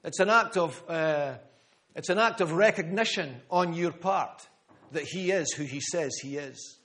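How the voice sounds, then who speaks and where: High-voiced emphatic preacher man. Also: measured pace, a bit bright. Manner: emphatic, repeats key phrases, addresses listeners by name. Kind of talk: sermon. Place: church gathering room.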